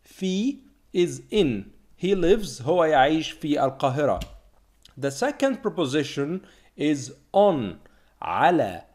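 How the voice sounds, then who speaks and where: Man teaching with lively pitch. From Egypt. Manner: slow, repeated drilling of words. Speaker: Arabic teacher. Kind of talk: language lesson.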